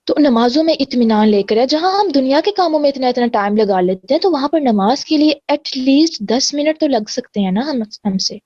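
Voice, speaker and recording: A woman's voice: sits high, animated, few pauses, darkish tone, no room sound, muffled recording. A woman teaching a religious lesson, explaining earnestly and mixing in English words. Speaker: Quran teacher.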